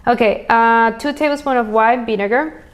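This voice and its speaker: Chatty woman from Venezuela, slightly high voice. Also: normal speed. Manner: chatty, upbeat, lists ingredients as she cooks. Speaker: cooking channel host. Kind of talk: casual recipe walkthrough.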